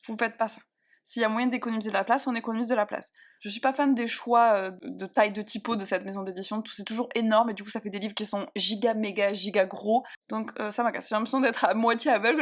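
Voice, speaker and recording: Chatty woman reviewing books, voice sitting a bit high. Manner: rambling, animated, many fillers and self-corrections, laughs often. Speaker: book vlogger. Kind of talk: casual chatty book review.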